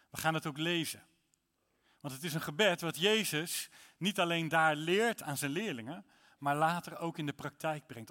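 A man's voice: fairly high pitch, sharp tone, long reverb tail. A man preaching a sermon in church, reading psalms aloud with rising intensity. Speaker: pastor.

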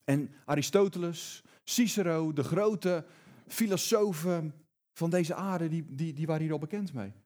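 Man preaching, kinda high voice, repeats himself, big emphasis then quiet. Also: a little slow, few pauses. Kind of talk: sermon.

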